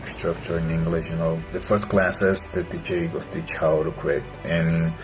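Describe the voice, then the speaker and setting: A man with a very low voice and as his gives a relaxed, plain testimonial, tossing in "you know." Faint guitar music plays under him. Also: unhurried. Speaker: student giving a testimonial. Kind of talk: recorded testimonial.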